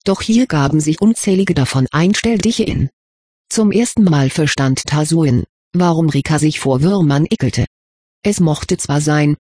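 Wry, husky-voiced audiobook narrator. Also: medium pitch, darkish tone, no room sound, clean studio sound. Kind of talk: audiobook reading.

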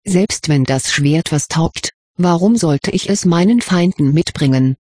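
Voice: medium pitch, unhurried, darkish tone, husky, dry recording. A reader voicing a curt young wizard. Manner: curt, impatient, sarcastic. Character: young male wizard, brusque and hurried. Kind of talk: audiobook character reading.

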